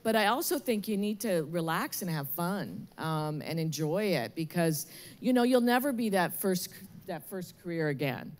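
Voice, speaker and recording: A middle-aged woman speaks on a panel stage with a notably low voice. She sounds upbeat and candid. She talks into a handheld mic. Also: animated, moderate pace. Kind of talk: panel discussion. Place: large atrium stage with audience.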